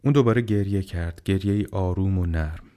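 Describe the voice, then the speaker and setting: A man narrating an audiobook in a measured, calm and unhurried way. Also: sits low.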